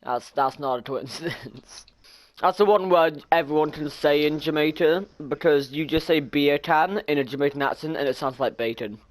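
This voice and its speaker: A man's voice: a little high, normal speed, dry recording. A man running a tabletop game with friends, laughing often and joking around. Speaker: game master.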